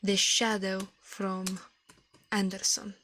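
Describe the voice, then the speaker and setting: With a mid-range voice that barely moves in pitch, a woman whispers slowly and breathily during an ASMR livestream, reading fables and chatting. She stays close to the mic, her phrasing a bit non-native, with slight background noise.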